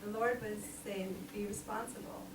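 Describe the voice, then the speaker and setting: This lay preacher, a woman of about sixty, speaks at normal speed with a medium pitch and fairly even intonation. Her informal small-church sermon is chatty, full of laughter and ums. A distant mic captures her in an echoey, noisy room.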